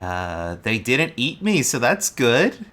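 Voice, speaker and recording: A slow, halting, childlike elephant creature, as a man puts her on. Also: mid-range voice, sing-song, a bit bright. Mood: innocent.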